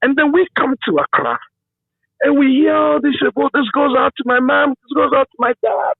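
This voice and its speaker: A broadcaster with a Ghanaian accent reminisces in a conversational interview, telling his story emphatically and checking in with the listener along the way. His high voice is gravelly and expressive at a moderate pace. The dry, somewhat muffled sound resembles a radio feed.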